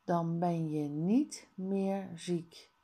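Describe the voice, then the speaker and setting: A woman voicing a calm female schoolteacher in a children's book she reads aloud, speaking softly and quietly with gentle firmness. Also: lowish voice, drawn-out words, slightly rough, exaggerated voice. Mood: patient. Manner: soft, quiet, gently firm.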